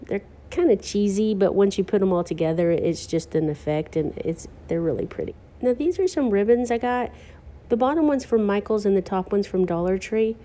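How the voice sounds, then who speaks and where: A woman with a mid-range, dark voice hosts a chatty craft tutorial while stuffy from allergies. She is self-deprecating, joking about her own mistakes, and gets enthusiastic about textures.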